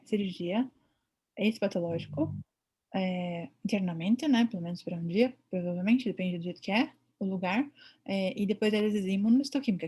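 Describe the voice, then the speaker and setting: A woman's voice: mid-range voice, dark tone, husky. A woman with a Brazilian Portuguese accent giving a chatty online veterinary ultrasound lecture, often acting out her own thoughts.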